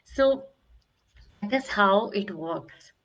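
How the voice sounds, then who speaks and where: A woman's voice: medium pitch, lively intonation, extremely slow, a bit bright. A middle-aged woman, a wellbeing coach giving an earnest, searching talk on emotional healing. She often restarts and stretches words for emphasis. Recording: slightly dull, lo-fi sound.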